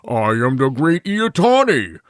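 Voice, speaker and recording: A man voicing a roaring deity-level boss monster atop a castle, booming and grandly announcing itself. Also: big pitch swings, unhurried, no room sound, clean studio sound. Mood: menacing.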